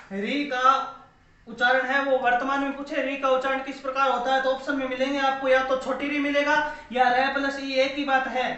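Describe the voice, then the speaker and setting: A man's voice: extremely high pitch, bright, forceful tone. A male teacher giving a classroom grammar lesson, asking questions and answering them himself, repeating key phrases. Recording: very echoey room, dull lo-fi sound.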